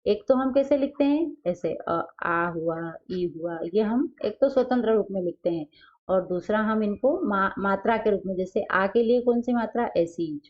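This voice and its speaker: A woman's voice: medium pitch, expressive, normal speed, highs cut off. A woman teaching a grammar lesson, who asks questions and answers them herself and repeats the key words.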